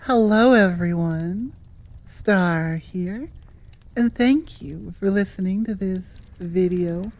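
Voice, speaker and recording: A woman who runs an audio roleplay channel chats with her listeners in an informal, rambling, candid way. Her voice is medium-pitched with a darkish tone, and she speaks slowly.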